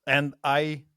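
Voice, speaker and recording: A man's voice: a little high, fairly bright tone, dry recording, studio quality. A man around forty from Romania, a native Romanian speaker, chatting casually as a podcast guest with a rambling, laughing manner. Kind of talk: casual video-call chat.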